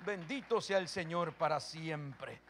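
A man preaching a sermon as pastor, reading Bible verses calmly, then rising to loud, forceful preaching with quick questions to the congregation. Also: on the high side, a little hiss or hum.

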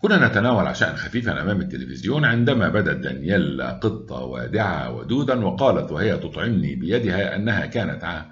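A man with an Egyptian accent narrating a story aloud in a wry, unhurried way. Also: low-pitched, big pitch swings, highs cut off. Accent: Egyptian Arabic.

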